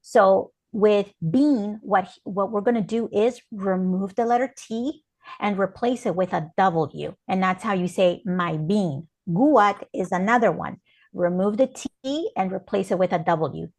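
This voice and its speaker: A woman co-teaching a language class, explaining grammar rules step by step in a careful, measured way. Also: medium pitch, darkish tone. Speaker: interpreter and co-teacher.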